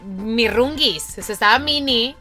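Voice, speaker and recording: A woman co-hosts a podcast. She chats in a playful, exaggerated way, her voice a little high, with music running under the conversation. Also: a little slow. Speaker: podcast co-host. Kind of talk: casual chat.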